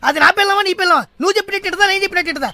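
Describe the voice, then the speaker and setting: An actor playing a harried young man in a film comedy, shrill and exasperated with everyone around him. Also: racing, pushed and bright, full character voice. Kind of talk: Telugu film comedy acting.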